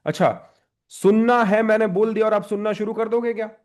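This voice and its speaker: A man's voice: high-pitched, fairly even intonation, brisk, darkish tone. A man teaching a spoken English class, coaxing students with questions.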